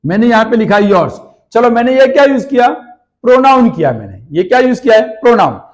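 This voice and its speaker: High-voiced man teaching grammar. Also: sing-song, darkish tone. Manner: repeats questions and answers them himself, slow drawn-out examples. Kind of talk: explaining grammar at a board.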